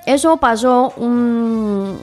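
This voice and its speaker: A woman's voice: on the high side, extremely slow, a little mellow, soft background music. A young woman who grew up in Spain, a singer being interviewed on the radio, talking in a friendly, chatty way with frequent fillers and tag questions. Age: young adult.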